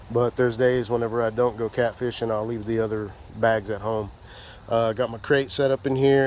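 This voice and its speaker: With a little hiss or hum under the recording, a male fishing vlogger casually shows off his gear outdoors. His mid-range voice sounds stuffy and congested from a sinus infection, and he rambles in a folksy manner, leaning on lots of filler words.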